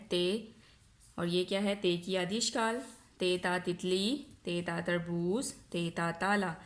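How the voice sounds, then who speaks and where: A woman with a Pakistani accent, a nursery teacher giving a recorded online lesson, asking questions and answering them herself, stretching words out slowly. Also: fairly low pitch. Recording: echoey room.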